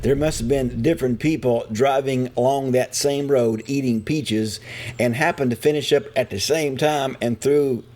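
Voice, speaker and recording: With a darkish, mid-range voice and fairly even intonation, this older Appalachian man from West Virginia tells a true first-person story at a moderate pace. His manner is casual, folksy and wry, full of chuckling asides, with music behind him.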